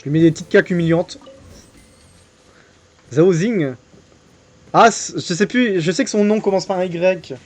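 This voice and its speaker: Young man, game streamer, slightly high voice, joking, crude, chatting with viewers. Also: fast talker, few pauses. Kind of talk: casual live game commentary.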